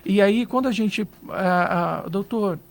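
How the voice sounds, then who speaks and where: A high-voiced Brazilian man, a psychologist appearing as a guest, gives earnest advice in a radio interview at a moderate pace. He advises listeners and uses rhetorical questions, speaking from a radio studio.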